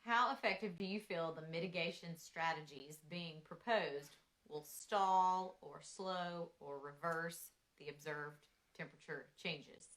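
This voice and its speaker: A woman moderating a Q&A, reading audience questions in a measured way. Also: fairly low pitch, fairly bright tone, low-quality recording.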